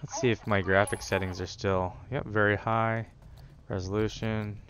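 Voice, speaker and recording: Low-voiced man streaming a game. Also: little pitch movement, normal speed, a crowd in the background. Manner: muttering to himself while fiddling with stream settings. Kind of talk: casual gaming stream chat.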